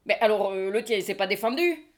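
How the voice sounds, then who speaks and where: A woman's voice: mid-range voice, expressive, fast talker, lightly acted. A woman with a French accent reading the part of an indignant middle-aged husband, in a stage reading. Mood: flustered. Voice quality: pompous, mock-solemn.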